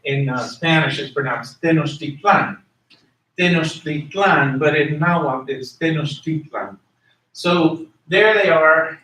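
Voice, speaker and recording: A man's voice: a little high, a bit bright. Man lecturing a class, echoey and distant. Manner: conversational, asks the class questions, repeats key words. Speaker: teacher.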